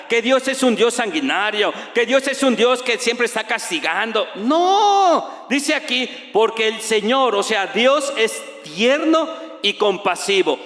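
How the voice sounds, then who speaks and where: Animated Mexican pastor in a reverberant hall. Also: male voice, high voice. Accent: Mexican Spanish. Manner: animated storyteller acting out dialogue, rising to shouts. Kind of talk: sermon. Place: church auditorium. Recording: long reverb of a church hall.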